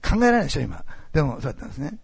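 A man preaching a sermon as pastor, telling a story with animated swings between loud bursts and hushed asides. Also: on the high side, racing, no room sound. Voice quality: gravelly, husky.

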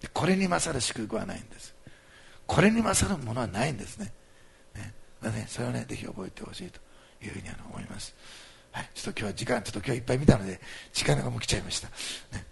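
A man with a medium-pitched, sing-song voice talks fast, with vocal fry and a slightly rough texture. Preaching as a pastor, he leads a fervent healing prayer, issuing commanding declarations and earnestly coaxing his listeners.

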